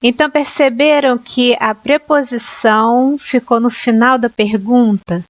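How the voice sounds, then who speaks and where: Slow, clear-speaking female English teacher. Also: a little high, fairly even intonation. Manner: slow, clear teaching explanations with frequent checks like "ok?". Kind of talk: online language lesson. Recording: dull lo-fi sound.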